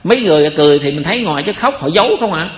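A man's voice: on the high side, expressive, rapid-fire, fairly bright tone. A man with a Southern Vietnamese accent giving a Buddhist sermon, chatty and joking, tossing rhetorical questions at his listeners. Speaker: Buddhist teacher. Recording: echoey hall.

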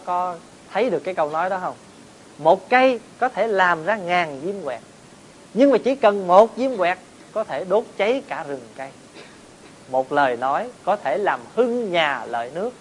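A man, a Buddhist monk giving a sermon in a gentle storytelling manner, asking his listeners questions and adding light humor. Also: sits high, slight background noise, low-quality recording.

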